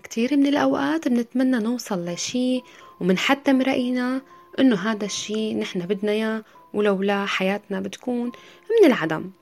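A woman's voice: fairly high pitch, fairly quick, gravelly, darkish tone. A woman with a Syrian accent telling a folktale as a podcast storyteller, in a traditional once-upon-a-time manner. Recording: music behind the voice. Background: music.

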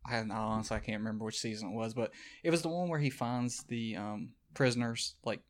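A man's voice: medium pitch, steady tone, a little fast. A man co-hosting a podcast in casual chat, rambling with lots of fillers and laughing easily. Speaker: podcast co-host.

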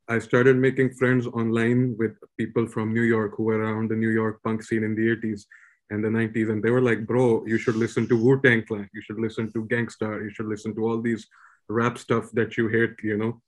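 A man in his thirties from Pakistan, a rapper calmly telling his story on a podcast, English not his first language. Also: on the low side, brisk. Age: 30s. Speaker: rapper guest. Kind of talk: casual podcast chat.

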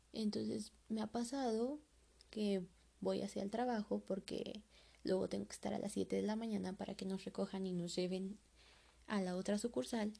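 A woman recounts an eerie personal experience in a casual, rambling style, leaning on fillers as she goes. Her voice is dark and mellow, with a strong gravelly fry running under nearly every phrase. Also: medium pitch. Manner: loose conversational telling with frequent fillers. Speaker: storyteller. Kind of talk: casual first-person horror story.

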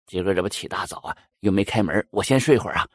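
A man's voice: deep voice, quick pace, slightly rough, no echo, studio quality. A man voicing a blunt, grumpy male cat in a folk tale. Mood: drowsy casual.

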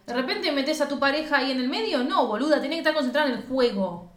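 A young woman with a Rioplatense accent in casual chat, dropping quick agreements and opinions. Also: high voice, animated, fairly bright tone. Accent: Rioplatense Spanish. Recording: echoey room.

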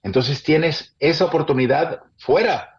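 A Venezuelan man, an actor, chatting casually and telling animated stories with acted-out quotes. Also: fairly high pitch, measured pace, breathy edge. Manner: animated storyteller, acts out quotes. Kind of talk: casual chat. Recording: slightly dull lo-fi sound.

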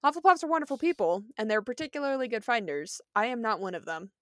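A woman's voice: a little high, big pitch swings, fast talker, fairly bright tone, no room sound, clean studio sound. A woman co-hosting a podcast, chatting in an easygoing way with plenty of fillers. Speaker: podcast co-host. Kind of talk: casual chat.

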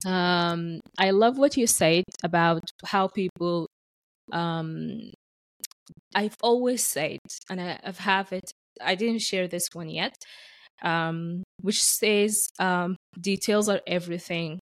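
A woman's voice: fairly low pitch, slow pace, no echo. A woman from Sudan chatting casually as the host of a podcast. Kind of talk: casual chat.

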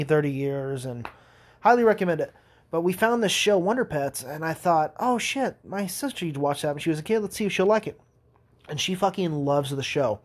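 A young man hosting a podcast, telling rambling stories in a casual monologue, swearing a lot and laughing as he goes. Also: on the high side. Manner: rambling, profane, laughing storyteller. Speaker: podcast host.

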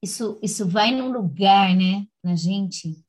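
A woman's voice: medium pitch, slow, a little mellow, low-quality recording. A woman host talking in a chatty, reflective way. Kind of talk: casual chat.

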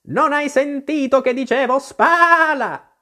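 A reader voicing a grumpy old female sheep who scolds slowly while she knits, in a storybook reading. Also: animated, fairly bright tone. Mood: scolding. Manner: slow, high and scolding.

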